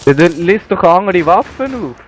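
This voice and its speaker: Swiss German young man, slightly high voice, guides his partner calmly; faint gunfire underneath. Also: moderate pace, a little hiss or hum. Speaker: gamer. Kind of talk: casual co-op gameplay chat.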